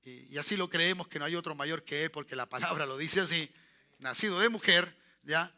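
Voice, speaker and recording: A man, pastor of a church, preaching a sermon and checking in with his congregation through short tag questions, often repeating and restarting phrases and rising into loud bursts of praise. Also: fairly high pitch, brisk. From Chile.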